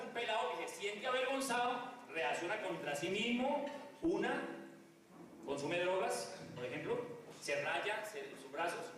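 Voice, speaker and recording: A man's voice: sits high, a bit bright. A man giving a conversational lecture and putting questions to the audience. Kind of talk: lecture on restorative justice. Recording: echoey hall, mic far off.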